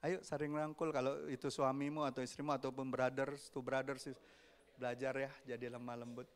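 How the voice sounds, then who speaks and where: A man preaching a sermon as pastor, lively and often asking the congregation questions. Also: mid-range voice, fairly quick. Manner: animated, asks the congregation questions, acts out quoted voices.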